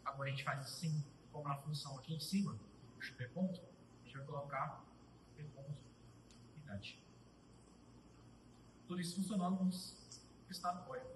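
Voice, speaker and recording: This live coding tutorial features a young student with a fairly high voice who explains each line as he types, thinking aloud with frequent pauses and restarts. The mic catches him from a slight distance, along with a roomy echo and a faint ambient hum.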